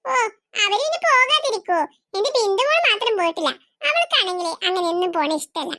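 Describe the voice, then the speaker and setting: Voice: extremely high pitch, lively intonation, fairly quick, sharp tone, no echo, clean studio sound, full character voice. A performer voicing a kind but firm woman who runs the household, in a cartoon. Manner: firm, motherly. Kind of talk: cartoon voice acting.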